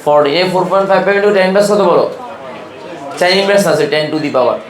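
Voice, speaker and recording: A man's voice: high-pitched, echoey room, a faint crowd. A man from Bangladesh teaching a chemistry class, constantly quizzing his students in an informal, brotherly way. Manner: keeps quizzing students with quick questions. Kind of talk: classroom lecture.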